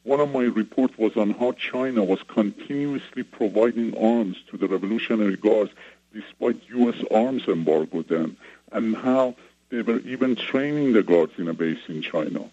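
A man from Iran, a radio show guest whose voice runs through a voice changer to hide who he is, giving a steady report-like briefing. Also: fairly low pitch, normal speed, slightly rough, dry recording. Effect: voice changer disguising his voice. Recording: dull lo-fi radio broadcast.

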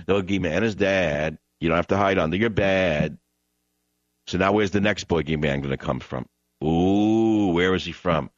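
This talk radio host, fielding callers, pushes hard and argues, saying lines again for emphasis. He speaks at a normal speed in a low voice, recorded dry, with a dull broadcast quality.

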